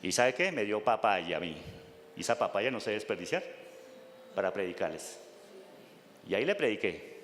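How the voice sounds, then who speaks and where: A man's voice: on the low side, big pitch swings, moderate pace, pauses often, a bit bright, a little hiss or hum. A male pastor preaching, often quizzing the congregation with call-and-response questions. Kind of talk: sermon. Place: church hall. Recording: long reverb of a church hall.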